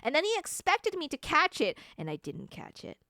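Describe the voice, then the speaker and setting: A woman streamer chatting casually with her viewers, animated, laughing often and swearing freely. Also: sits high, normal speed, dry recording, studio quality. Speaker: streamer answering chat. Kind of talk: casual live-stream chat.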